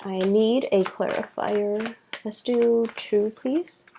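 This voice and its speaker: A woman giving a tarot reading late at night, tired and halting, with many fillers and restarts. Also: medium pitch, steady tone, noisy background. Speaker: tarot reader.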